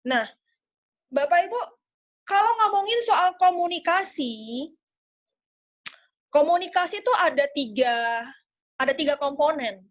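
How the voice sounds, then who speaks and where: A woman with a high voice gives a coaching talk over a video call, lively and demonstrative, often calling out to her audience. The sound is dull and lo-fi. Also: unhurried, long pauses. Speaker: sales trainer.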